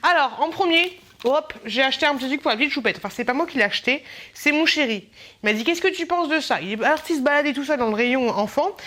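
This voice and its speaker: A woman's voice: high-pitched, expressive, quick pace, bright, forceful tone. A young woman chatting casually as she shows a clothing haul. She rambles, laughs often and turns aside to talk to her baby. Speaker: mom vlogger showing a clothing haul.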